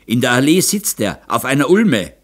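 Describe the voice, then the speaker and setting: A breathless young castle servant, as a male narrator puts him on. He speaks in a raised, high voice, hurried and anxious, in an audiobook reading. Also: sing-song. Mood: urgent.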